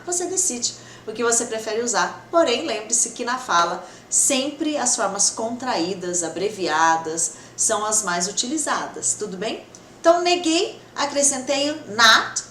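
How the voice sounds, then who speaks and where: Woman teacher, fairly high and very lively pitch, patient, echoey room with faint hiss. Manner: patient, checks in often with "tá?" and "né?". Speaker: English teacher. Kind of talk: explaining grammar to the camera.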